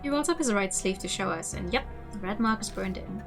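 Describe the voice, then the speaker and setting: A playful, expressive woman game streamer reading a visual novel aloud, with casual asides to chat. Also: mid-range voice, brisk, music in the background.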